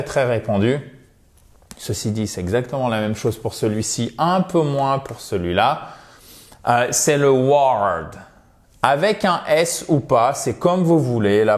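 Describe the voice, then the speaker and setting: Guy teaching english pronunciation, says the example words over and over nice and slow. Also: mid-range voice. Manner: repeats English example words slowly and insists on stress; addresses viewers warmly as "chers amis". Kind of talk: video lesson on English pronunciation.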